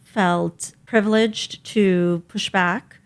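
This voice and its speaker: A woman's voice: mid-range voice, steady tone, drawn-out words, clear, resonant tone. Teasing, sarcastic woman co-host. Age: 40s. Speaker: podcast co-host. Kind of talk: casual chat.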